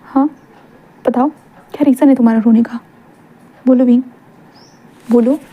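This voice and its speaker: A woman doing a calm, reserved young bodyguard. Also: fairly high pitch, unhurried, phone-quality sound. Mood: earnest. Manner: steady, earnest, plain delivery.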